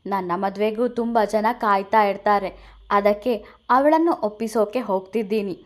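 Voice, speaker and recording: A woman's voice: medium pitch, moderate pace, close to an everyday voice. A woman voicing a young man who brushes off his friend's worries with offhand advice. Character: young man, teasing, bossy best friend.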